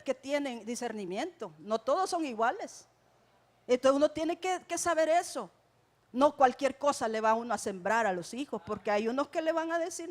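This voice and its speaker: High-voiced Salvadoran woman preaching. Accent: Salvadoran Spanish. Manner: emphatic, keeps calling listeners "hermano". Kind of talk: sermon.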